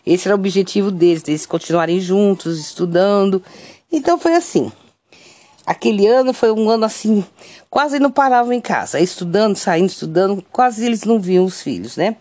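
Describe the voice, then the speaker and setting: A woman with a Brazilian Portuguese accent tells a family story casually and without hurry. She keeps checking in with her listener through tag questions, and her voice sits at a middle pitch. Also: warm tone. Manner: unhurried, keeps adding "né?" tags.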